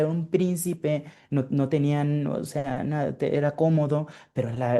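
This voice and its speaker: A man's voice: fairly high pitch, dark tone. A man presenting a webinar lecture, explaining in a conversational way with frequent fillers and tag questions, over a computer microphone. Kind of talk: informal online lecture.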